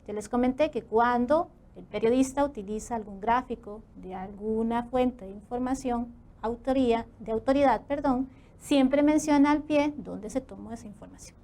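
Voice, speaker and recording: A Costa Rican woman teaching a Spanish lesson for television. Her voice sits fairly high, and she keeps drawing her young viewers in with questions to the class. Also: normal speed. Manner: asks students rhetorical questions, warm classroom tone.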